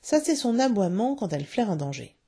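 A woman's voice: mid-range voice, sing-song, a little fast, dark tone, breathy edge, voice pushed up. A woman reading a storybook aloud, voicing a clever young girl who explains things earnestly.

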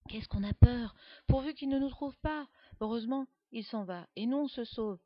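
Woman doing an excitable young schoolboy. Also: a little high, fairly quick, no echo, pitched above the performer's own voice, close to an everyday voice. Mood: lively. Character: excitable young schoolboy writer, dreamy and eager. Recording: dull lo-fi dry recording.

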